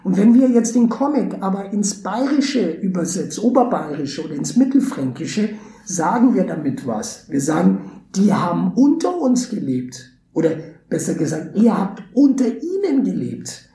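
A Brazilian podcast guest, a theatre educator and native Portuguese speaker, talks at normal speed in a warm, high-sitting voice with big pitch swings. His speech is considered and hesitant, full of fillers and restarts, in a conversational interview. The recording is roomy with faint hiss.

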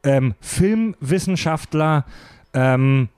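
A man's voice: a little high, lively intonation, very slow, darkish tone, smooth, no room sound, studio quality. A man hosting a panel podcast, with playful, mock-grand delivery like a ring announcer. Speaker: podcast host.

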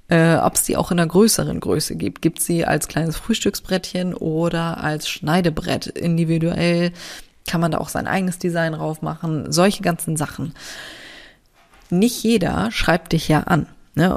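A woman's voice: deep voice, darkish tone. A woman with a German accent and a nasal, stuffy-nosed voice, chatting casually and bluntly as a solo podcast host.

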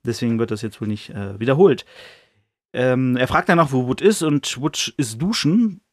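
A man's voice: medium pitch, moderate pace, dry recording, clean studio sound. A man hosting a podcast, casually retelling a book chapter in a loose, slangy way with plenty of fillers. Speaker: podcast host.

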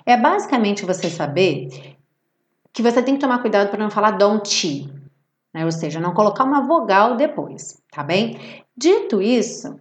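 A Brazilian woman teaching English in a live online lesson, patiently explaining and slowly repeating words to model pronunciation. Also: mid-range voice, lively intonation. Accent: Brazilian Portuguese. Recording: roomy echo.

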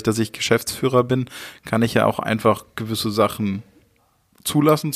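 A man in his thirties from Hamburg, a podcast interview guest who talks with many pauses, fillers and restarts. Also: medium pitch. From Hamburg, Germany. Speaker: interview guest, managing director.

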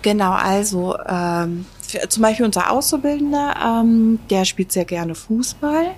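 A woman's voice: mid-range voice, unhurried, a little mellow. A woman with a Palatinate German accent, a restaurant owner being interviewed, talking casually with many hesitant fillers.

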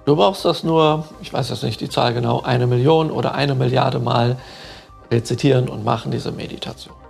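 A man voicing a strange old man who questions and guides a young student with calm patience. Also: medium pitch, moderate pace, gravelly, faint music behind. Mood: guiding.

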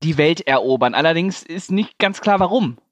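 A man's voice: on the high side, animated, normal speed, dry recording. A man from Germany hosting a film podcast, steering the chat with teasing, crude jokes. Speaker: podcast host. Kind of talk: casual chat.

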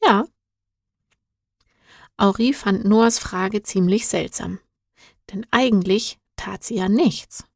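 Slow, calm woman storybook narrator. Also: medium pitch, no room sound, studio quality. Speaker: audiobook narrator.

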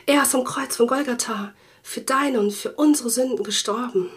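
A German woman hosts a faith podcast, sharing her personal testimony with earnest feeling; she often slows down and drops into soft whispers. Her voice is a little high.

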